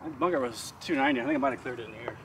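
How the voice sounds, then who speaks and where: A man's voice: medium pitch, very fast, vocal fry. A man vlogging a round of golf, chatting casually and talking through his shots. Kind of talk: casual chat while golfing. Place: outdoor golf course. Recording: distant mic with loud outdoor noise.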